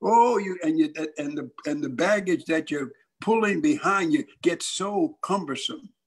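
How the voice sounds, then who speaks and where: A man's voice: a little high, expressive, measured pace, husky. An older male evangelist pastor telling a dramatic storytelling sermon and acting out the voices.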